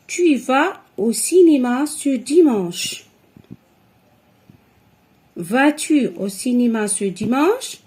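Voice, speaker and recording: Woman teacher, high voice, unhurried, patiently explaining grammar to children. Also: warm tone. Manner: slow, patient explaining with repetitions.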